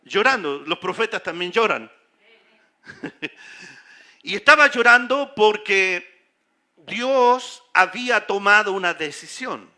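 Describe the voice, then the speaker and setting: A man's voice: high-pitched, expressive, a little slow, bright, forceful tone. A man preaching a sermon as pastor, emphatic and full of rhetorical questions to his congregation. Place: church sanctuary.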